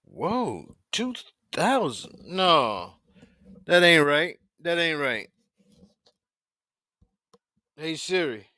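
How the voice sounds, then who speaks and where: A man's voice: fairly high pitch, big pitch swings, very slow, pauses often, sharp tone, dry recording, clean studio sound. A man in his fifties hosting a casual live chat with strangers, talking in a laid-back, drawling and repetitive way. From United States. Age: 50s. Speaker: host of a live video chat.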